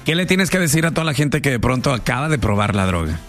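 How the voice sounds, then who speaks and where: A man's voice: medium pitch, big pitch swings, fast, a bit bright, faint music behind. A man hosting a casual call-in radio show, chatty and slangy. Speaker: radio host.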